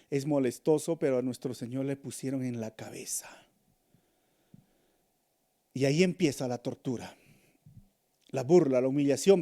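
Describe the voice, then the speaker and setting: A man preaching a Bible study sermon, swinging between loud emphatic bursts and hushed low phrases, calling listeners brothers. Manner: addresses listeners as brothers, acts out crowd shouts. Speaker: pastor.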